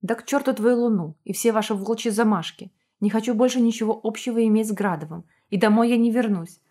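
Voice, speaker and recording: A woman reading aloud, voicing a furious young woman who shouts at her parents. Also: on the high side, quick pace, lightly acted. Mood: bitter. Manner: shouting, hysterical.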